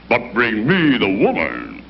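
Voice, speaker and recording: A man voicing a huge, bullying, arrogant cartoon villain sailor with a booming, gruff voice and pompous bluster. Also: very noisy. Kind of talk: 1930s theatrical cartoon acting. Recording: muffled vintage cartoon soundtrack with loud music.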